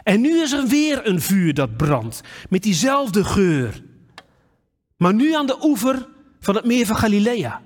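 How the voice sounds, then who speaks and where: A man's voice: high-pitched, big pitch swings, a little slow, big-room sound. A man preaching a sermon, telling a personal memory and then reading scripture aloud.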